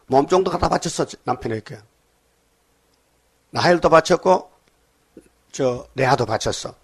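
An older man preaching at a dawn service, folksy and lively, quizzing his listeners and acting out scripture scenes. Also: on the high side, vocal fry. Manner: lively, folksy, asks the congregation questions; acts out scripture dialogue in dialect. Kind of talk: dawn sermon.

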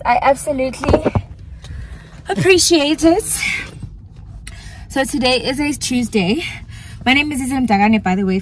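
A young woman, a singer, chatting to camera in a casual, excitable vlog, often dropping into soft hushed talk. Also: on the high side, slight background noise. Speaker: vlogger and singer.

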